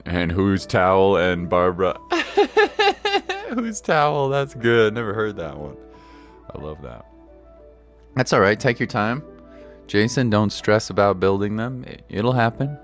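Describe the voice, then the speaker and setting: Faint music plays behind a game streamer whose lowish voice swings hugely in pitch at a measured pace. Chatting casually with his viewers, he uses slang, reassures them and repeats points to stress them.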